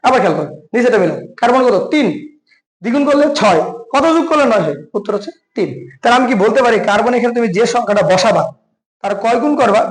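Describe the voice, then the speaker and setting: Bangladeshi bengali guy tutoring chem, fast and high-pitched, quizzes you then answers himself, echoey room. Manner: addresses viewer as brother. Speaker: chemistry tutor. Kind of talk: exam-prep lecture.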